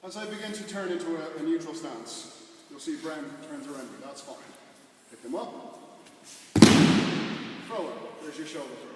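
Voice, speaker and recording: Male martial arts coach, casual explainer with clipped commands, recorded at a distance in a reverberant hall with clear background noise. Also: fairly high pitch, fairly quick. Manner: short, clipped instructions. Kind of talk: hands-on class demonstration with casual explanation. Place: large echoey indoor training hall. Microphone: distant camera microphone.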